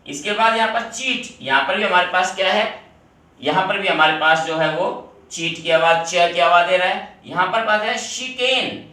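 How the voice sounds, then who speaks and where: Male teacher, bright voice, recorded off-mic in a very echoey room. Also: high-pitched, normal speed, far from the mic. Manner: explains step by step, repeats rules, addresses students directly. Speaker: English teacher. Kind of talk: classroom video lesson.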